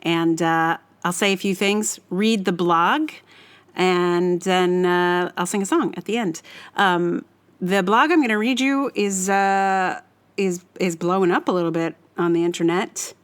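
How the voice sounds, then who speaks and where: A woman with a lowish, smooth voice hosts a solo podcast at a measured pace. Her casual talk rambles and hesitates, and she often corrects herself along the way.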